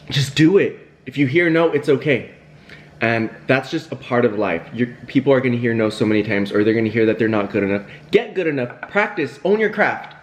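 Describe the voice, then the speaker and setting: A man's voice: fairly low pitch, slight background noise. A young man talking casually to the camera while eating, rambling and laughing between bites. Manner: chatty and rambling, with fillers, laughs and self-talk. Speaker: YouTuber hosting a mukbang.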